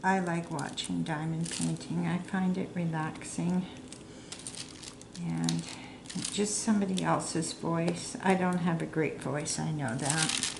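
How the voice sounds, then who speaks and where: A middle-aged woman talks slowly, in a chatty, meandering way, as she works on a craft project. Her voice sits a little low. The room sounds echoey, and steady noise and crinkling carry through the recording. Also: vocal fry. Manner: rambling, chatty, self-deprecating. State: hiccups. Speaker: crafting vlogger. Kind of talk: casual chat while crafting.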